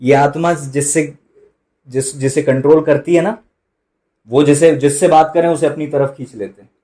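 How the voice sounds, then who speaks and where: A man preaching a sermon, switching between loud emphatic bursts and quiet dropped asides, slowing right down for quoted lines. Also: on the high side, fairly even intonation. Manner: mixes in English phrases and slow drawn-out quotes. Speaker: pastor.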